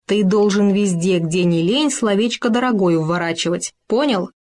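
A woman's voice: mid-range voice, normal speed, a little mellow, natural voice. A woman voicing a greedy, show-off male hamster who talks in a purring, affected, sugary way. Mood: bossy lecturing.

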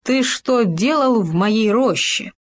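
A woman voicing a big, slow-witted male wolf who drawls and blusters in a storybook reading. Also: on the high side, lively intonation, pitched above the performer's own voice. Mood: gruff.

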